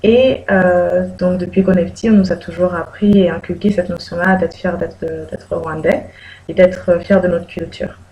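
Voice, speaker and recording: A young woman from Switzerland in a documentary interview, reflective and trailing off softly. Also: lowish voice, fairly even intonation, normal speed, slight background noise, poor audio.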